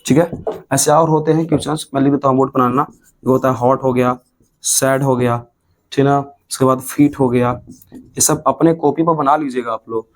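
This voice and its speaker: Man, Bihari Hindi accent, teacher at a board, repeats points, drawn-out words, mid-pitched voice. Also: fairly even intonation. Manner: repetitive, drills points, stretches words syllable by syllable. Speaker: English grammar teacher. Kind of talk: classroom lesson at a board. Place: classroom with a writing board.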